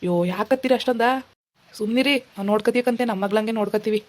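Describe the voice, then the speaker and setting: A woman voicing a calm middle-aged village man, the groom's father, who speaks reassuringly. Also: a little high, fast, voice pushed down, lightly acted. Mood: soothing. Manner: soothing, reassuring.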